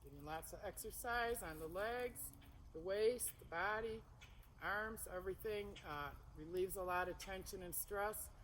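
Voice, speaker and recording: A woman instructor giving calm, soothing tai chi cues in short, unhurried phrases that guide movement and breath. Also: medium pitch, a little hiss or hum.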